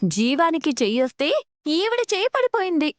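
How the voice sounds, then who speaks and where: An actress playing a sharp-tongued young woman in a TV serial, speaking with pointed sarcasm. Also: high voice, sing-song, moderate pace. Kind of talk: TV serial dialogue. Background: background score.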